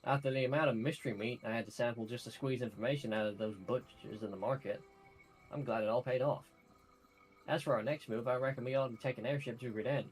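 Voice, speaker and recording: A man reading a gruff, folksy adventurer informant's game dialogue aloud in a drawling manner. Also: medium pitch, fairly even intonation, fast, lightly acted, low-quality recording.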